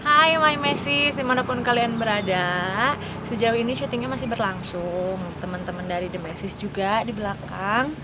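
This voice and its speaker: A woman's voice: fairly high pitch, normal speed. A woman hosting a vlog outdoors at a video shoot, cheerful and joking. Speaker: vlog host. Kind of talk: casual vlog talk. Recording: loud street noise.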